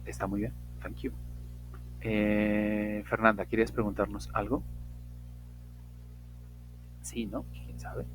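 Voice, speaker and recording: A man teaching English in an online class, slowly and emphatically modeling example sentences. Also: fairly low pitch, flat delivery, fairly bright tone, soft background music, rough recording.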